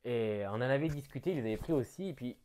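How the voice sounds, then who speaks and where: A man doing casual unboxing commentary on a gift. He thinks aloud, talks chattily and breaks into bursts of excitement. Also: mid-range voice, quick pace. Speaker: board game unboxing vlogger.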